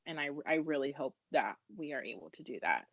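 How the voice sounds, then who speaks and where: American woman guest on a podcast, deep for a woman, earnest and a bit self-deprecating, dull dry audio. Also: very animated, brisk, no room sound. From United States. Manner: earnest, self-deprecating, laughs while talking. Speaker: guest, business founder. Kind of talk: podcast interview, casual talk.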